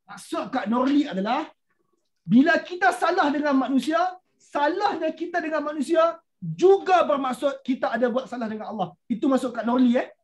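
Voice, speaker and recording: A man with a Malaysian Malay accent teaching an online Quran study class over a video call, telling the story in a lively way and acting out the dialogue. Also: extremely high pitch, normal speed. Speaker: religious teacher.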